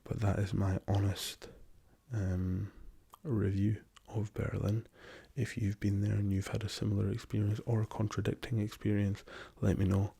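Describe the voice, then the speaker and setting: In a soft, gravelly murmur, a hoarse young man hosts a quiet ASMR travel chat, his dark, flat, low voice worn by a lingering cough. Slow and unsure, with many ums, he keeps drifting down into whispers.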